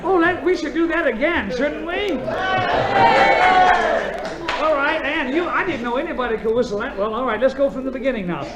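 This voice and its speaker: A man's voice: extremely high pitch, fast talker, over a noisy crowd, very noisy. A man hosting a radio quiz show, joking and bantering breezily with the contestants. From United States. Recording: old radio broadcast with music and audience. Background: studio audience and music.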